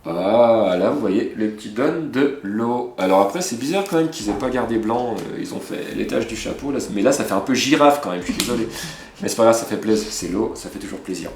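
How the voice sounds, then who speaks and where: Deep-voiced excitable man opening card packs. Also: fairly quick, slight background noise. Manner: excitable, exclaiming over cards, chatty asides. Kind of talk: casual unboxing chat to viewers. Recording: roomy room with background music.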